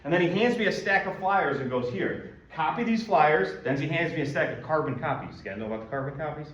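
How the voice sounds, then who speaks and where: Lively man telling stories to a room. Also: a little high, fast, reverberant, highs cut off, slight background noise. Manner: animated storyteller who addresses the audience directly. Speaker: guest speaker. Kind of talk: storytelling presentation to students. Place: university business school room.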